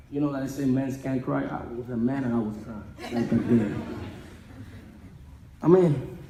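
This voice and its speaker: A man's voice: mid-range voice, warm tone, slight background noise. Young man, echoey hall speech. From Dominican Republic. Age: young adult. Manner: earnest, emotional, repeats phrases for emphasis. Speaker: graduating student speaker. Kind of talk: graduation speech. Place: large event hall.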